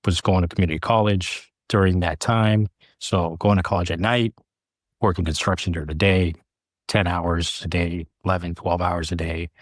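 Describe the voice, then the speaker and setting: Speaking as a podcast guest, a Californian air traffic controller in his late thirties earnestly tells the story of his career in short, measured phrases. His voice is low-pitched with fairly even intonation. The recording is dry, with almost no room around the voice and no echo.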